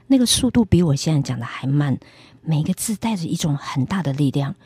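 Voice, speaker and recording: Female evangelist guest, earnest testimony storyteller, husky tone, dry close sound. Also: deep voice, animated, fairly quick, dark tone, dry recording. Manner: earnest storytelling with acted quotes. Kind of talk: personal faith testimony.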